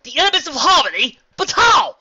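A storyteller voicing a cold, furious evil female alicorn princess who speaks in slow, booming, imperious declarations. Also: big pitch swings, bright, forceful tone, muffled recording. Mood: scornful.

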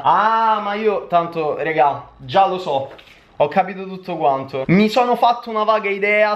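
A man's voice: high voice, lo-fi sound. Sarcastic young man with a Roman accent. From Italy. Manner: joking, sarcastic, animated. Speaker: vlogger. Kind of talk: casual vlog chat to camera.

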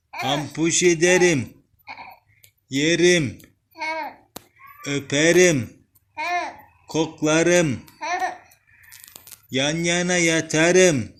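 A man's voice: on the high side, fairly bright tone. A man talking playfully and affectionately to a baby, repeating short, sing-song endearments. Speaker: parent or relative talking to a baby.

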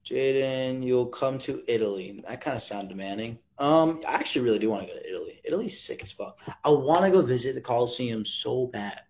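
This is a teenage boy streaming live from his bedroom indoors, filmed on a phone held at arm's length. His mid-range voice has lively intonation and races along with hardly any pauses as he casually reads comments aloud in slang. Audio is tinny.

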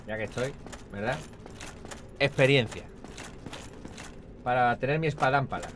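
A man's voice: medium pitch, a little slow, noisy background. A young man with a Spain Spanish accent giving rambling, casual gameplay commentary, swearing often and talking to his viewers. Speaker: gaming channel host. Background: game music.

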